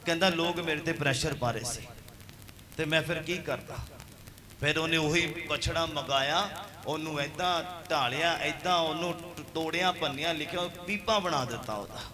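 A man, a pastor preaching a sermon who retells scripture as a story, quoting its figures, and rises into loud calls to his congregation. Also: on the high side, moderate pace, crowd noise.

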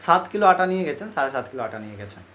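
A man's voice: mid-range voice, very animated, racing, sharp tone. A man telling a devotional story in a conversational sermon style, repeating phrases for emphasis and voicing the characters himself. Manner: conversational, repetitive, acts out the characters. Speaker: religious storyteller.

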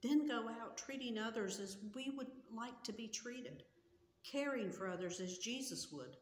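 A woman in her sixties, a pastor speaking slowly and earnestly as she preaches and prays in a small church sanctuary. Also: a little high, animated, slight background noise. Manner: slow, earnest and measured, with gestures. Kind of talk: sermon and prayer. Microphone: camera in front at chest height. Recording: echoey church hall with long reverb.

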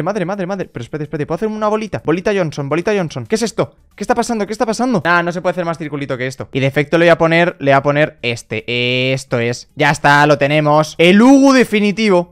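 A young Spanish-accented man talks fast through casual game commentary. His voice sits a bit high for a man, and he keeps repeating words in quick strings before jumping into sudden high-pitched shouts. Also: expressive, smooth. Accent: Spain Spanish. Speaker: gaming content creator.

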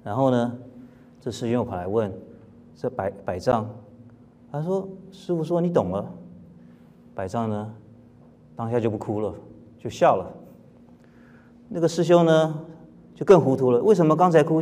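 A man teaching Buddhist scripture in a calm, plain-spoken lecture, asking his listeners rhetorical questions and now and then clearing his throat. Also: mid-range voice, normal speed, long pauses, a little hiss or hum. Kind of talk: dharma lecture.

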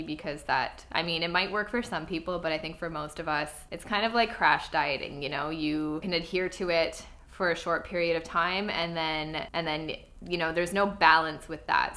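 A young woman with a deep, slightly bright voice records a casual talk to camera for her style vlog in a home room with a clothing rack. Somewhat congested from a cold, she comes across as earnest and chatty, filling pauses often.

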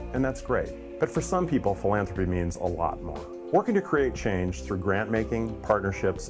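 Casting: man in his thirties, low and lively, upbeat scripted pitch over music. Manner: polished and upbeat. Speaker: sponsor spokesman. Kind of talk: scripted presentation to camera.

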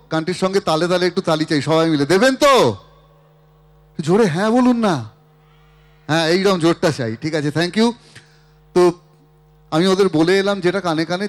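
An older man with a hoarse voice from a cold, chatting from a festival stage and urging the audience to clap along. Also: sits high. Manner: chatty, coaxes the crowd to clap. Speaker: singer and stage performer. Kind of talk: live stage talk to an audience.

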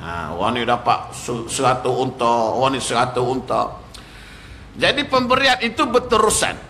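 A man's voice: medium pitch, moderate pace, a little hiss or hum. A man with a Malaysian Malay accent giving a mosque lecture, telling a story and acting out the quoted lines. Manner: animated storytelling, acts out quoted speech. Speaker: religious teacher. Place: prayer hall.

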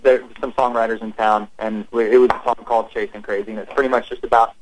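A man's voice: fairly low pitch, little pitch movement, quick pace, background noise. A young man in his twenties from California, a band member joking easily and politely as a radio guest on a call. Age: 20s. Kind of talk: casual interview by phone. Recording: phone call line.

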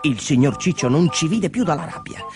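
A man narrating a children's story in a lively, expressive reading. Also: a little high, brisk, faint music behind.

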